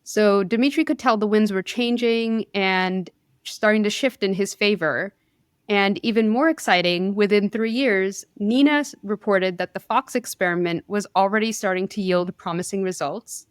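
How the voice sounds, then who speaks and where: A woman's voice: mid-range voice, clean tone, no echo, clean studio sound. A woman hosting a podcast, telling a science story in a casual, chatty way with frequent laughs and self-deprecating asides. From India.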